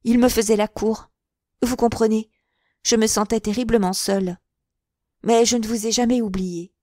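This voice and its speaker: A woman's voice: fairly high pitch, fairly even intonation, normal speed, darkish tone, no echo, studio quality, lightly acted. A woman reading a lonely young working-class woman. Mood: dismissive. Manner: impatient, familiar.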